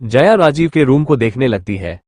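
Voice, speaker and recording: Male narrator for an audio drama, lively melodic read, dry close sound. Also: medium pitch, moderate pace, no echo.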